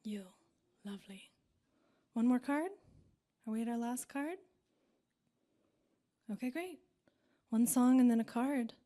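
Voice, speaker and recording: Woman leading a spiritual concert gathering; gentle, unhurried, high-pitched. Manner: soft, slow, meditative. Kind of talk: spiritual talk between songs at a live concert.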